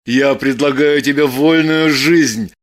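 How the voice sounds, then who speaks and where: A woman reading an audiobook voices a calm, firm man who teases his lover with dry mockery. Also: rumbling low, takes it slowly, pitched below the performer's own voice. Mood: coolly mocking. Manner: calm, firm, dryly mocking. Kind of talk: audiobook character voice.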